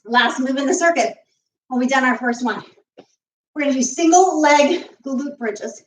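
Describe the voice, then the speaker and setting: A woman's voice: sits high, normal speed, slight background noise. Breathless woman coaching a home workout. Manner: coaching while exercising, counting reps aloud. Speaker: fitness coach. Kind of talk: live home workout instruction. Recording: echoey room, mic at a distance.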